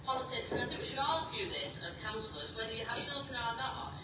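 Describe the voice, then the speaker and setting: A woman councillor speaking at a council meeting, measured but emphatic. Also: on the high side, very animated. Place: council chamber. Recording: echoey chamber, far from mic, loud crowd noise.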